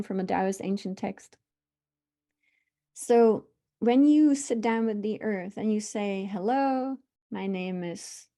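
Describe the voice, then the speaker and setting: Mellow-voiced woman teaching spirituality. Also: medium pitch. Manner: earnest, unhurried, devotional.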